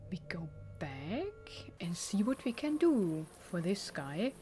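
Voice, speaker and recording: A woman's voice: lowish voice, very animated, takes it slowly, warm tone, soft background music. A woman giving casual let's play commentary, musing and thinking aloud as she goes.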